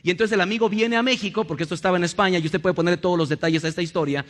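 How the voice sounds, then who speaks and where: Pastor guy preaching in church, high voice, acts out bits and jokes around. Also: very fast. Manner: animated, acts out little scenes and jokes with the congregation. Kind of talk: sermon.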